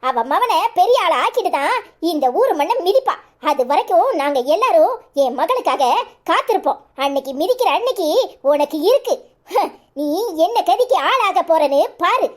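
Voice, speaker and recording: A woman's voice: very high voice, big pitch swings, normal speed. A woman voicing a proud, indignant older in-law in a cartoon, issuing cursing warnings in a Tirunelveli Tamil accent. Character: proud indignant older mother of the absent wife.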